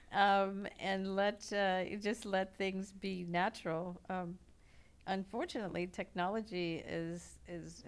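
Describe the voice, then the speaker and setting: Low-voiced woman, hesitant and halting. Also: clean tone. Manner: hesitant, many fillers and restarts. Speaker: podcast guest. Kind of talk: casual conversation.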